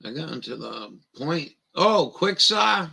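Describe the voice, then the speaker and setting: Slow gravelly man with a Maine accent. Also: a little high, sing-song, pushed and bright, rough recording. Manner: crude, joking, drawling, reads aloud mockingly. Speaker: livestream host. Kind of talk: rambling casual livestream chat.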